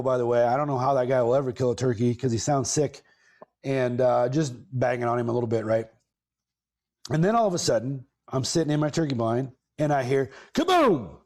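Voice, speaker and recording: A man tells a long story on his podcast, mid-pitched and casual. He rambles, backs up to correct himself, and leans into bursts of emphasis. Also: a little mellow. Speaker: podcast host.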